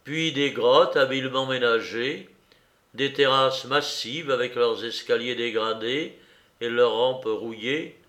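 A man reads a classic novel aloud in a measured, expressive narration. His voice sits at an ordinary middle pitch. The recording carries a noticeable roomy echo. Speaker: audiobook narrator. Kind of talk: literary audiobook narration.

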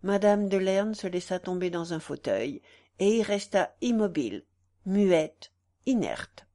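A woman narrating a classic novel as an audiobook, in a measured, even reading. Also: mid-range voice.

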